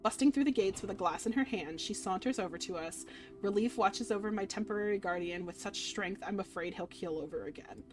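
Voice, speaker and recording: A video game streamer doing a playthrough reads visual novel narration aloud in a medium-pitched, fairly quick voice. She tells it expressively and gushes over the characters, with game music playing behind her voice.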